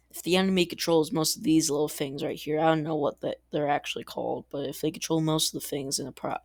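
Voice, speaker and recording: A man's voice: on the high side, vocal fry, no echo, studio quality. A man giving casual, rambling commentary over a strategy game, chatty and full of asides, little laughs and mild exasperated swearing. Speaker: gaming channel host.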